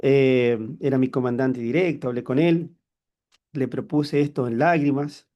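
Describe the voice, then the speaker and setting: A man with a Chilean accent preaching a sermon as a personal story, animated and exclaiming often. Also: medium pitch, unhurried, lo-fi sound. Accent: Chilean Spanish. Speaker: church leader preaching.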